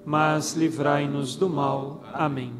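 Man, Brazilian Portuguese accent, rosary prayer, fairly high voice, flat steady chant. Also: takes it slowly. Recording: long reverb with background music.

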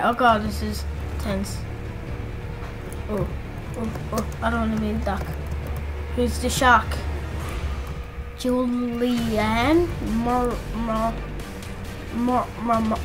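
A woman giving casual, excitable gameplay commentary as a YouTuber at home, chatting and squealing when things get thrilling. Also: fairly high pitch. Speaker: gaming YouTuber. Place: home room with the door shut. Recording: clear game music underneath. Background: game music.

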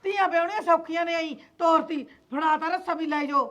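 A woman playing a sharp-tongued Punjabi mother-in-law. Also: very high voice, fairly even intonation, brisk, highs cut off. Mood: scornful. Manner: scolding, sarcastic. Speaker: mother-in-law demanding dowry. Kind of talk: village family drama skit.

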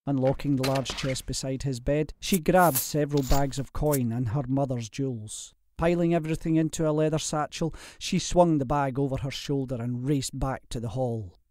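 A man narrating a historical romance audiobook in a measured, steady way. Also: medium pitch, no room sound. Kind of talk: scripted narration.

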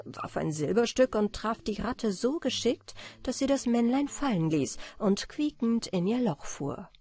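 A woman reads a fairy tale at bedtime in a calm, expressive way. Her pitch moves a lot, and her voice has a slightly husky, breathy edge. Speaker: audiobook reader.

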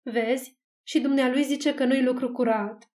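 A fretful townswoman in her sixties frets and complains in an emphatic way. Her voice sits slightly high. A woman narrating an audiobook puts her on with only a light touch. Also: steady tone, a little mellow, close to an everyday voice. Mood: fretting. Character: fretful older townswoman, gossipy wife.

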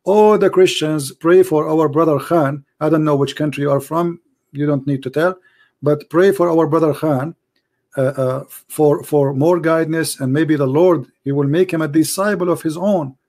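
Man, call-in host, fervent preaching, tired fading voice, broken grammar, slightly high pitch. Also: fairly even intonation, normal speed, darkish tone. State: losing his voice. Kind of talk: live call-in religious debate.

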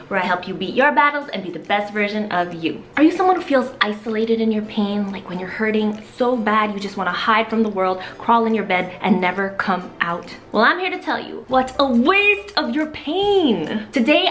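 A woman's voice: on the high side, a bit bright. A young woman hosting a casual talk show, upbeat and earnest. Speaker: host.

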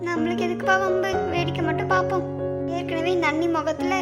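A woman's voice: extremely high pitch, flat delivery, fast. A woman voicing a nosy female onlooker in a cartoon who mutters gossipy asides to herself. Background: background music.

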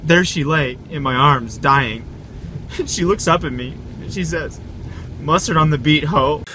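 A man's voice: a little high, unhurried, sharp tone, slight background noise, pitched above the performer's own voice, rough recording. A man putting on a heightened dramatic storytelling voice in a comedy sketch. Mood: melodramatic.

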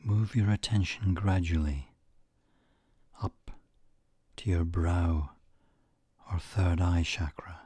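Guiding a meditation, a man speaks in a deep, mellow, steady tone, very slow and soothing, using brief measured phrases with pauses between them. His voice is soft and breathy, often fading almost to a whisper, with no room sound.

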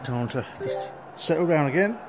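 A man giving relaxed, chatty running commentary on his own play in a VR cricket game, with quick exclamations. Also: fairly high pitch. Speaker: gaming video creator. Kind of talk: live commentary while playing a VR cricket game. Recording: steady background noise.

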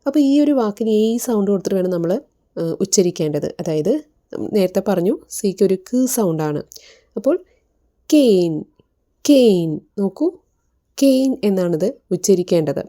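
A woman's voice: on the low side, mellow. A Malayalam-speaking woman, teaching English phonics online, patiently spelling words out letter by letter.

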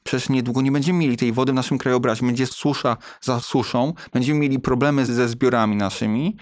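A man's voice: mid-range voice, fairly even intonation, fast talker, dry recording, studio quality. A man, a guest scientist, speaking earnestly and addressing listeners directly in a conversational interview.

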